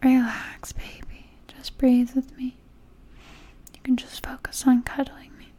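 A woman performing an intimate audio roleplay in a soft, breathy whisper. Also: high voice, completely flat delivery, measured pace.

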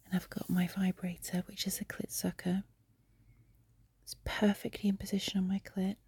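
Husky and breathy, a young woman whispers from bed, lying on her side, into a phone mic held near her mouth. She is an amateur audio creator making an intimate diary entry, her low, mellow tone barely moving in pitch as she confides at an unhurried pace. The recording is dry.

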